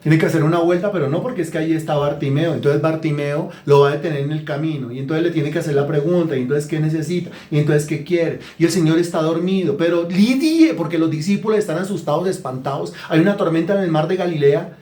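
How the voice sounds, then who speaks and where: Pastor guy preaching, highish voice, lively and chatty, echoey church. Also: quick pace, hardly any pauses. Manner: animated, colloquial preaching with rhetorical questions. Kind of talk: sermon. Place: church hall.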